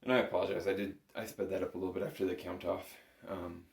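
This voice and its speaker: A man teaching bagpipes speaks to camera in an informal, patient lesson, explaining step by step in a quick, flat delivery. His low voice is creaky and a little mellow. He's recorded in an echoey indoor room with slight background noise.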